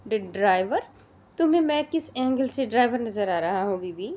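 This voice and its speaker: A woman's voice: medium pitch, animated, natural voice. A woman reading the part of a hot-tempered young man who speaks sternly and in clipped lines. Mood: gruff. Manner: stern and clipped, softening when she cries.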